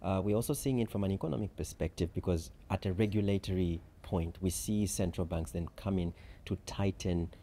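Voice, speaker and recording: A low-voiced man gives a conference interview, laying out his points in a measured, structured way with many "so"s and "um"s. His tone is mellow and dark. Faint background noise sits under the voice. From Zambia. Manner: measured, structured explanations with frequent "so" and "um". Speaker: chief risk officer, interview guest.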